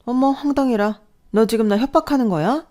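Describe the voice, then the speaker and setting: A woman's voice: fairly low pitch, expressive, moderate pace, a little mellow, pitched above the performer's own voice, close to an everyday voice. A woman voicing a domineering, scornful older mother-in-law who scolds and belittles. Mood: scolding. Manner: scolding, contemptuous.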